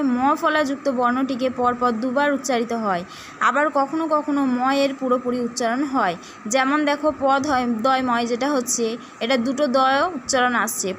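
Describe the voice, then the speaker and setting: A woman with a high voice runs a primary school language lesson. She goes through example words one at a time in a slow, methodical way. A faint hiss sits under the recording. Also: a bit bright. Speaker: teacher.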